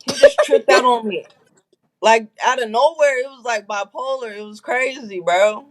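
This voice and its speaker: A woman's voice: on the high side, very animated, normal speed. A woman telling her past story candidly in a casual interview, bluntly acting out quotes. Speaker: guest recounting her past.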